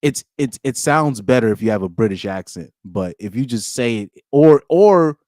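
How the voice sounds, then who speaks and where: A young man chats casually on a live podcast stream, reading comments aloud and rambling in slang full of stops and restarts. His pitch sits mid-range for a man. The sound is close and dry. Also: lively intonation, normal speed, a little mellow, no echo.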